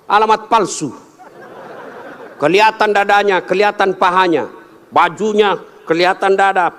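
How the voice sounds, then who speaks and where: A male preacher delivers a humorous sermon to a large crowd. His voice sits a touch high and swings widely as he builds to comic punchlines. Faint ambient noise from the live event sits under him. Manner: jokey, storytelling, animated with sudden high-pitched punchlines. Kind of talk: humorous sermon at a large outdoor religious gathering.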